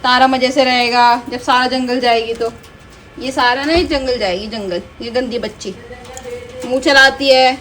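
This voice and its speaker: High bright-voiced woman scolding parrots. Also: steady tone, moderate pace, soft background music. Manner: scolding, coaxing baby talk. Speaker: vlogger scolding her pet parrots. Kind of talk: casual talk to pets.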